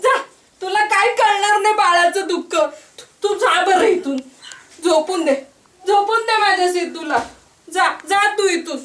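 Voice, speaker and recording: A woman playing a young mother crazed by grief, hushed and fragile as she lulls an empty cradle. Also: very high voice, unhurried, reverberant, recorded from a distance.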